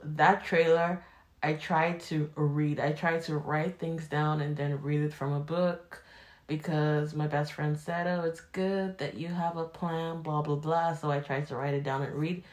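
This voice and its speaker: A woman in her late twenties hosts her own casual solo podcast, speaking in a low, flat voice at a measured pace. Her Nigerian accent drifts toward Canadian, and she rambles candidly with laughs and swearing.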